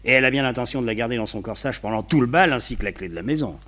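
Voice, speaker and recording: Playing a talkative society gentleman who knows everyone and has views on everything, an actor in a French radio detective play confides and gossips with a wry touch. His natural mid-range voice has lively intonation, and he speaks very fast.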